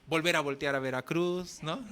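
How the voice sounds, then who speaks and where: Brief: middle-aged Mexican Spanish pastor, earnest exhorting sermon, slightly high voice. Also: male voice, pushed and bright. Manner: earnest, exhorting preaching with tag questions. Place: church service.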